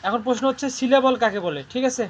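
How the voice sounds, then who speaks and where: Male teacher with a high voice, call-and-response classroom drilling, dull lo-fi recording. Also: fast, slight background noise. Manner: quizzes students constantly, ending lines with "right?". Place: classroom with students.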